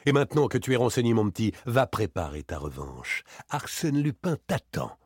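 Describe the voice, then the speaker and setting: Man doing a smug gentleman thief in an audiobook, mocking, bouncy delivery, dry close sound. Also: medium pitch, big pitch swings, moderate pace, dry recording. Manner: teasing and smooth, mocking. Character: mocking, self-assured gentleman burglar. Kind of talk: audiobook character reading.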